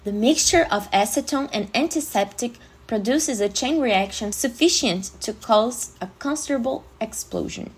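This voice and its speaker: A man voicing a bold, bossy young woman who likes explosions, pitched well above his own voice. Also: slightly rough. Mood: commanding. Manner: brisk, commanding. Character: bold young woman Lucy, pyromaniac sister.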